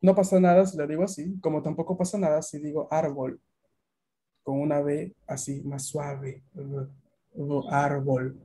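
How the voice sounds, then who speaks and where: Latin american guy teaching a class on a video call, kinda high voice, dark tone, keeps asking if everyone gets it. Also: flat delivery, normal speed, husky. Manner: explanatory, frequent checks with students. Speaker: language teacher.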